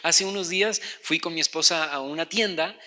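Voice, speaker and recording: A man preaching a sermon in a chatty, animated way, often turning to the congregation as brother. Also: fairly high pitch, moderate pace, long reverb tail. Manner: conversational and animated, addressing listeners as "hermano". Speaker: pastor.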